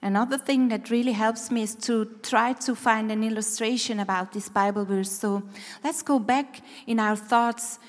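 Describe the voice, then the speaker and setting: A middle-aged or older woman preaching a devotional sermon, deliberately repeating phrases for emphasis and guiding listeners through exercises. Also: fairly high pitch, steady tone. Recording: reverberant hall.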